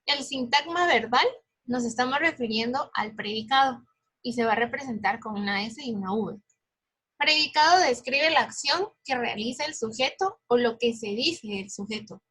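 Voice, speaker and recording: A woman teacher with a husky voice, explaining grammar directly to her students. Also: fairly high pitch, normal speed, sharp tone. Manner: instructive, addresses the students directly. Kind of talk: class explanation.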